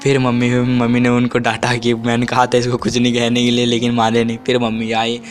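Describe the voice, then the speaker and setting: A man's voice: completely flat delivery, brisk, a little hiss or hum. A man in his twenties telling childhood stories in a casual, rambling way, often restarting and correcting himself. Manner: acts out quotes with sudden high pitch. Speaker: vlogger. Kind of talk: casual storytelling.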